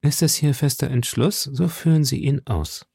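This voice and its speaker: A man's voice: medium pitch, moderate pace, gravelly, husky, no room sound, clean studio sound, pitched above the performer's own voice. Athos, a man voicing a grave musketeer leader. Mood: commanding. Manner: calm, commanding.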